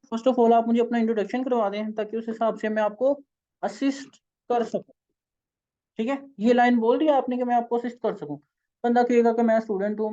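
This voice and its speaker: A hoarse, tired man with a Pakistani accent, leading an online sales training session in an informal, coaxing way. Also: sits high, mellow, lo-fi sound. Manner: informal, coaxing, keeps saying "okay". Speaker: sales trainer and company founder.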